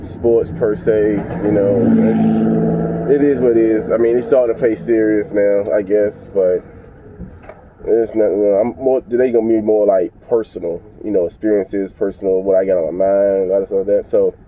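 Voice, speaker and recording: A man's voice: on the low side, steady tone, normal speed. A man with a congested voice, chatting loosely to his viewers with lots of fillers and restarts while he drives. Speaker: vlogger. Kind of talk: casual talk to viewers while driving. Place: inside a moving vehicle. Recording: dull lo-fi sound with loud road noise.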